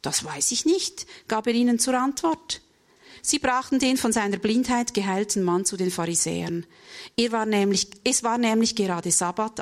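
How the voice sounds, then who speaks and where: A woman with a Swiss German accent, reading scripture and retelling it in a loose, conversational sermon with frequent hesitations. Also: medium pitch. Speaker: preacher.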